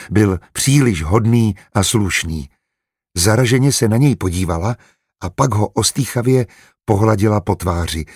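A man with a husky voice reading an audiobook in steady, even scripted narration. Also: lowish voice, dry recording, studio quality.

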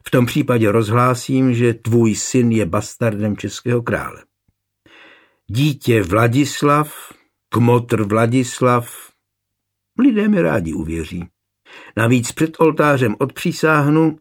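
A man with a husky voice voicing a proud nobleman coldly telling his wife he is leaving, in an audiobook. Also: mid-range voice, lively intonation, lightly acted. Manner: cold, measured.

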